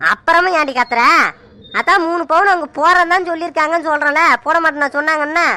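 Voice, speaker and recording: Brief: worn-out cartoon husband, voiced by a woman, high and bright, fast and exasperated. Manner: exasperated, tries to calm his wife. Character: weary middle-aged village husband, placating. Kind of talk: cartoon dub acting.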